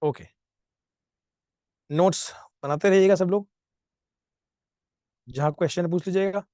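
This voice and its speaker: Slow, high-voiced teacher dictating words. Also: male voice, mellow, no room sound, clean studio sound. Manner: slow, repeats each word, mixes Hindi and English. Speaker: vocabulary teacher. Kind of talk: live online class, dictating words.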